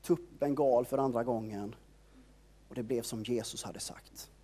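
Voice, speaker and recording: A man's voice: medium pitch, dark tone, slightly rough. A man preaching an informal sermon, retelling a Bible story in a conversational storytelling way and leaning heavily on filler words.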